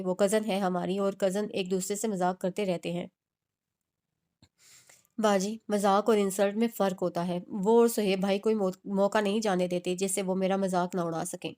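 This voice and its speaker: A woman's voice: medium pitch, a little mellow. A woman narrating a romance novel, reading all the characters' dialogue in a near-plain voice with small restarts. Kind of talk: scripted audiobook narration.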